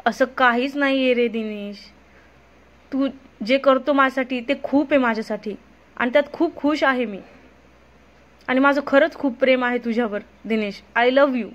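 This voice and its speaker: Woman reading as a gentle young wife, soft tender delivery, high voice, dull lo-fi sound. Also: moderate pace, lightly acted.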